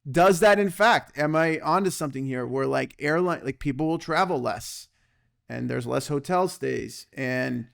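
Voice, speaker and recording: Gravelly, excitable man hosting a podcast. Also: fairly high pitch, normal speed. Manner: energetic, excitable, peppers talk with "okay" and "right?". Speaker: podcast host. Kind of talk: casual podcast chat.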